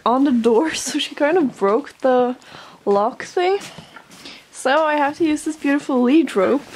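Young woman, English speaker, vlogging casually on a handheld camera in a horse barn. Talks with a slightly high voice and plenty of fillers. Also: background noise. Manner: chatty, with many fillers. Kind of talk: casual vlog chat.

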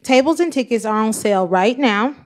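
A woman's voice: fairly high pitch, expressive, normal speed. A woman chairing an event committee, speaking in an upbeat, promotional way at a podium mic in a council chamber. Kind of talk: press conference speech.

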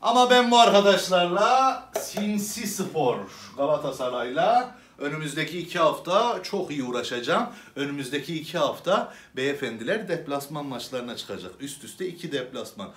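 A man's voice: fairly high pitch, sing-song, moderate pace, few pauses, fairly bright tone, far from the mic. Man playing a ranting club president. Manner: theatrical ranting, swinging from sweet to furious. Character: hot-tempered male club president ranting. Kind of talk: comedy sketch monologue. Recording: roomy echo, away from the mic.

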